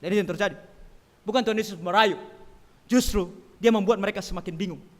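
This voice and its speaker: A man preaching a Sunday sermon in a church, emphatic, swinging between loud stresses and quiet asides. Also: high-pitched, fairly quick, big-room sound.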